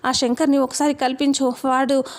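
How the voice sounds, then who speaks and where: A woman's voice: high-pitched, little pitch movement, normal speed. A woman voicing a serious, scheming grown man who taunts.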